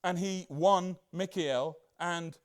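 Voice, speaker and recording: A man preaching a casual Bible-study sermon as a church pastor, chatty and excitable, full of rhetorical questions and asides. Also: sits high, takes it slowly, clean tone.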